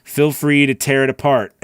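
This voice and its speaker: A middle-aged man, a voice-over coach, hosts a casual livestream from his small home recording studio, answering viewers in a chatty, rambling, friendly way. His voice is fairly high and sing-song, a little slow and smooth. It's captured at studio quality on a close broadcast mic on a boom arm, with no room sound.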